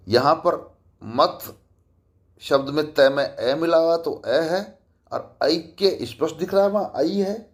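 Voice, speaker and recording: A middle-aged male college teacher giving a grammar lesson in a slightly high, mellow voice. He speaks very slowly and deliberately. He repeats every example and keeps asking his listeners questions. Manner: slow, repeats each example and asks rhetorical questions. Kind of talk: grammar lecture.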